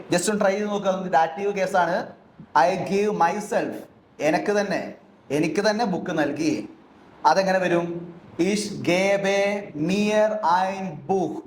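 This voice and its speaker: A man's voice: high-pitched, steady tone. A man teaching German grammar, explaining step by step and asking questions he then answers himself. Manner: asks questions and answers them himself, slowly and deliberately. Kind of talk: explanatory lesson. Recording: echoey room with faint background noise.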